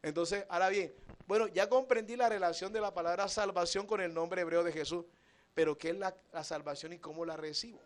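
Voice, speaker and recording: A man preaching a sermon, emphatic and full of rhetorical questions to his congregation, moving between quiet asides and loud stressed phrases. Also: high voice, steady tone, a little fast.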